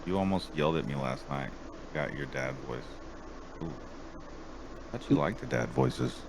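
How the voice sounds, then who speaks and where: Deep-voiced teasing podcast co-host man. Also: expressive, normal speed. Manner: teasing, playful banter. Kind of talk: casual chat. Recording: clear background noise.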